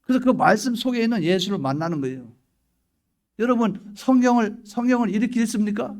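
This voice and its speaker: Animated Korean pastor preaching, higher voice. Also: male voice, fairly quick. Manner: animated preaching, swings from hushed prayer to loud questions; acts out little scenes and prayers in his own voice. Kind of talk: sermon.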